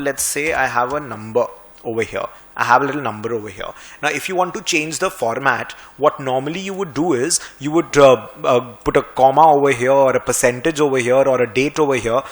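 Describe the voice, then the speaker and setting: A man with an Indian English accent, a finance and Excel trainer talking through a screen-recorded software tutorial in a brisk, conversational way with a touch of sarcasm. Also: mid-range voice.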